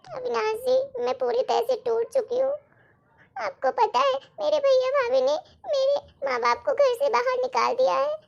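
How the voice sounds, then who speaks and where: A woman's voice: very high voice, steady tone, normal speed, creaky, highs cut off, heavily acted. Woman playing an anxious young daughter. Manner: emotional, pleading. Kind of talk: storytelling role-play.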